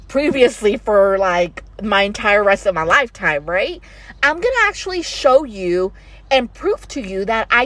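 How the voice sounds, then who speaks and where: Woman, middle-aged, podcast host, motivational faith talk, earnest, preachy, slightly high-pitched. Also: fairly bright tone, dry recording. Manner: earnest, preachy, repeats phrases and asks "right?".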